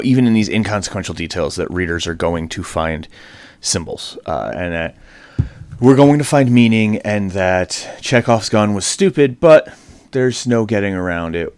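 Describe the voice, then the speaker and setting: A man with a fairly low voice gives a relaxed, rambling lecture from his home, full of fillers and restarts. The sound is dry and close, with no room echo. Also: normal speed. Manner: casual, chatty, with many fillers and restarts. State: out of breath. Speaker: teacher. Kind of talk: recorded online lecture.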